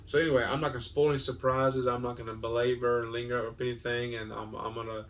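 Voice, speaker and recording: A man's voice: medium pitch, flat delivery, fairly bright tone, far from the mic. Earnest man speaking from off-mic. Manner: earnest, emotional, halting with fillers. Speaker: host of a toy ministry channel. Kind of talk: casual year-end reflection.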